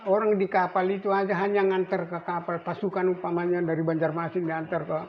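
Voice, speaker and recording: An elderly man in his eighties, a navy veteran, recalling his service in a rambling, halting way with many restarts. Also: high voice, little pitch movement. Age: 80s. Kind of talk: recorded interview. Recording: dull lo-fi recording with faint noise.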